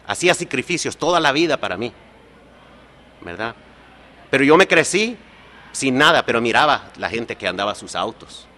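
With a mid-range, bright, forceful voice, this American-born man opens up at a support meeting, offering a heartfelt confessional testimony and often adding "¿verdad?".

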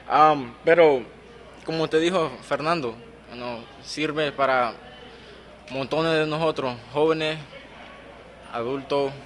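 A man giving halting words of encouragement at a support meeting, switching between English and Spanish with many hesitant fillers. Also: a little high, fairly bright tone.

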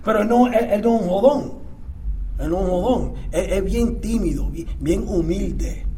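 High-voiced Dominican man, story in bursts. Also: normal speed. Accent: Dominican Spanish. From Dominican Republic. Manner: mixes English fillers into Spanish, stammers and repeats words; swings from quiet murmurs to loud bursts. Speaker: recovering addict sharing his story. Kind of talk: casual testimony.

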